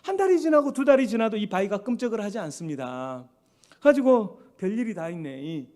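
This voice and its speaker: A middle-aged man preaching a sermon in a church with a Jeolla accent, telling stories in an animated way that swings between loud and hushed. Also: very high voice, brisk. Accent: Jeolla Korean. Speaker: pastor.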